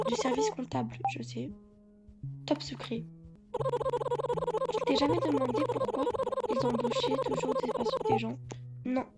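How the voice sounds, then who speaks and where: A woman commentating her game in a chatty, hoarse voice, stammering and bursting into loud outrage at times. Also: high-pitched. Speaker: gaming YouTuber. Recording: loud game music behind.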